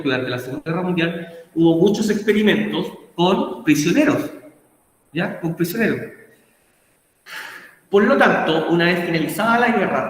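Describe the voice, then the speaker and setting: A Chilean man teaching a philosophy class online, often checking in with the students and asking them questions. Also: high voice. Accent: Chilean Spanish. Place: class video call. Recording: very echoey room with long reverb.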